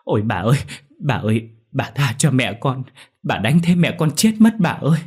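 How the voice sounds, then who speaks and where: A man's voice: medium pitch, expressive, moderate pace, darkish tone, husky, pitched above the performer's own voice. A man voicing a poor young woman tearfully begging for mercy in a storybook tale. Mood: pleading. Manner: pleading, tearful.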